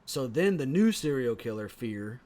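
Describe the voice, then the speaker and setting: A man's voice: mid-range voice, sing-song, normal speed, a little mellow. A man hosting a casual comedy podcast, talking in rambling, profane tangents. He is also an impressionist.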